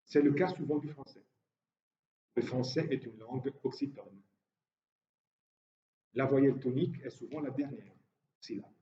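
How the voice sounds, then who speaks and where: A man's voice: mid-range voice, measured pace, long pauses, mellow. Man lecturing in an echoey hall. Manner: explanatory, with hesitations. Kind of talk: university lecture. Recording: roomy, distant, dull lecture-hall recording.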